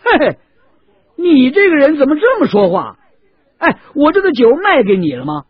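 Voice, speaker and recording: A man's voice: very high-pitched, huge pitch swings, normal speed, husky, no room sound, a faint crowd, pitched above the performer's own voice, full character voice. A man voicing a crafty, quarrelsome male wine peddler who sneers and haggles, on a dull, dry lo-fi recording. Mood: mocking.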